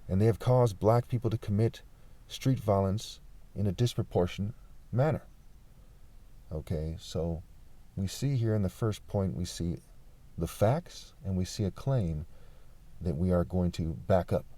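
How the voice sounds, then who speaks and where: A man from California talking insistently in an unscripted vlog monologue, pausing often with fillers. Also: low-pitched, mellow. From California, USA. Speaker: vlogger.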